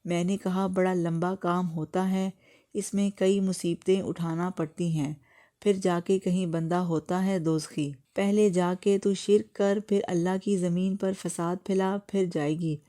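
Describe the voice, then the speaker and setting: A woman narrating a moral story in the first person, in a calm, even storytelling manner. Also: lowish voice.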